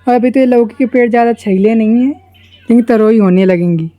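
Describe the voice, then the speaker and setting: A young village vlogger from India chats casually to camera about his village life, moving between his home, garden and roadside. His voice is extremely high and fairly quick, and the audio is lo-fi.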